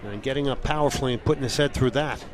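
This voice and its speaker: A man's voice: mid-range voice, fast talker. A man doing live play-by-play commentary of a soccer match. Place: outdoor college soccer stadium broadcast. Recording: clear outdoor stadium ambience noise.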